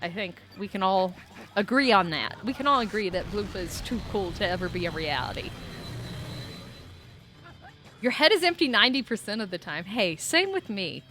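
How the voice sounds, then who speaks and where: A woman streaming a speedrun, talking to chat, swinging from frantic yelling to deadpan muttering. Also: medium pitch, brisk. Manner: excitable, shifts between frantic yelling and deadpan mumbling.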